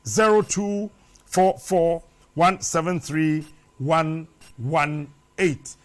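On a TV studio set backed by brick, the middle-aged Ghanaian host draws out his words in a voice on the high side. Wearing a lapel mic, he delivers an animated, preachy monologue that switches between Twi and English and repeats phrases with rhythm.

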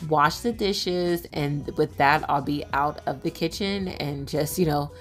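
A woman's voice: low voice, a little slow, soft background music. A woman in her thirties, a mother, narrating a home vlog in a chatty, casual way with many filler words. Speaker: vlogger, mother.

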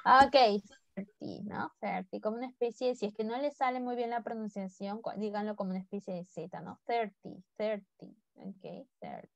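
A woman with a mid-range, gravelly voice teaches an online English class at a moderate pace, talking mostly in Spanish. She coaxes her students into repeating words after her, drilling their pronunciation. The recording is dry, with no room sound, and the high frequencies are cut off.

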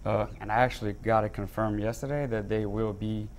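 A man's voice: lowish voice, steady tone, fairly quick, slight background noise. Chatty man chef full of ums. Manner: chatty, many ums and uhs. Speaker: chef and restaurant owner. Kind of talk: cooking demo on morning TV. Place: TV studio kitchen set.

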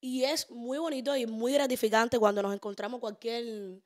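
High-voiced playful woman host. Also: fairly even intonation. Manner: playful, joking, quick-talking. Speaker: podcast host. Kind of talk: casual chat. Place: small studio room, indoors. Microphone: studio mic on stand.

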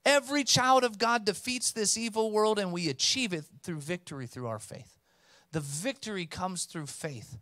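A man in his thirties preaches from a church stage into a handheld microphone, his voice sitting fairly high for a man. He speaks with emphatic force and calls the congregation to respond. The sound is dry and close, with little room echo. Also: animated, moderate pace, pushed and bright. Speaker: pastor. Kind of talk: sermon. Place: church stage with blue lighting.

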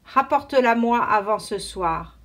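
A woman voicing a haughty male hornbill bird god who blusters and scolds loudly, in a read-aloud storybook. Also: a little high, lively intonation, measured pace. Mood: scolding.

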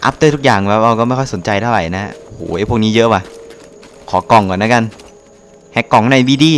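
A man giving casual let's-play commentary, excitable, with quick exclamations and playful jokes. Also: lowish voice, a little hiss or hum. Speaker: gameplay commentator.

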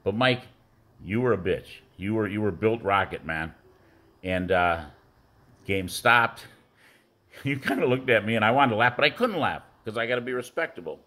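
A man's voice: on the low side, expressive, normal speed, sharp tone. A middle-aged man, a former youth football coach, giving a rambling birthday tribute full of fillers and war stories. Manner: rambling storytelling with many fillers.

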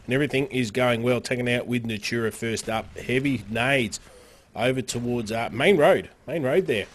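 A man's voice: medium pitch, normal speed. Man giving upbeat live game commentary. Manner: upbeat, with frequent fillers and sudden excited rises. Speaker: esports caster.

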